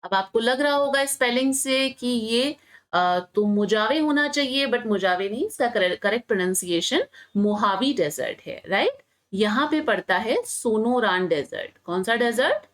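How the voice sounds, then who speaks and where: A woman with a slightly high voice teaches geography over an outline map. She talks at a patient classroom pace, repeating each place name and posing questions she answers herself, moving between Hindi and English phrases. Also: fairly bright tone. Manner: explains slowly, repeats names, asks and answers own questions, mixes Hindi and English. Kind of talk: online map lesson.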